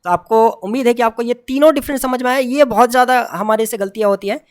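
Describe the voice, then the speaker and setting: A woman giving an online pronunciation lesson, repeating sounds slowly and setting right forms against wrong ones, with English phrases mixed in. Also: on the high side, darkish tone. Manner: mixes English phrases into Hindi. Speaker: pronunciation teacher.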